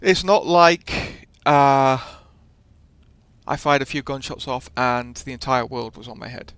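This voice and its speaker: A man's voice: mid-range voice, a little slow, fairly bright tone, clear, resonant tone, no room sound. A man hosting a gaming video with casual commentary, often hesitating and correcting himself as he explains.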